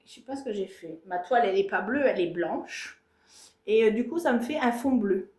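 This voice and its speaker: At home, a woman films herself with a tablet or camera on a tripod, showing off her cross-stitch projects in a casual, self-mocking show-and-tell vlog full of fillers and asides. Her mid-range voice is brisk, a little mellow, and lively in intonation, with a roomy sound.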